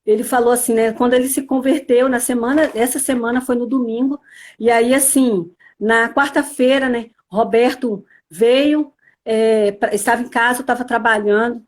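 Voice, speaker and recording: A woman's voice: a little high, steady tone, normal speed. A woman with a Brazilian Portuguese accent from Espírito Santo, earnestly telling her religious testimony with many small fillers. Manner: earnest storytelling, filled with "né, assim". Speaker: church member giving testimony.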